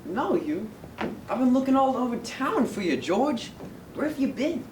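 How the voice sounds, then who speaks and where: A man's voice: extremely high pitch, sing-song, unhurried, a little hiss or hum, full character voice. A man playing an easygoing small-town police officer in an amateur stage play, puzzled and matter-of-fact. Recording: echoey stage heard from afar.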